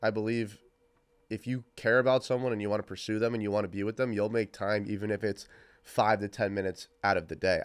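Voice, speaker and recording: Congested young man, low smooth voice. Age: 20s. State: congested with a cold. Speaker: podcast co-host. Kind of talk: casual chat.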